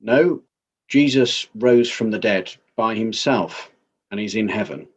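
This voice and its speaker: Man acting low, husky-voiced Joseph of Arimathea. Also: unhurried. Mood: firm. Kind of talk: dramatized courtroom testimony.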